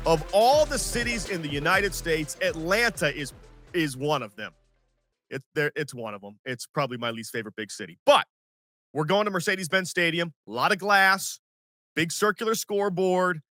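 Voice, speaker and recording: A man in his forties hosting a sports podcast, telling stories in an animated, self-mocking way and acting out what others said. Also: fairly high pitch, no echo, studio quality. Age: 40s. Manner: animated, self-mocking storyteller who acts out quotes. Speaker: podcast host. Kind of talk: casual sports podcast storytelling.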